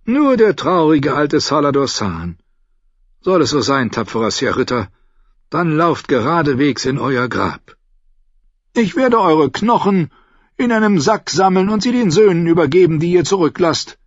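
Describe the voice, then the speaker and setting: An old, gloomy smuggler, put on by a male narrator, whose voice climbs high and strained as he insists. The tone is husky. The recording is dull and dry. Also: sing-song, unhurried, dry recording. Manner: agitated, waving off, insistent.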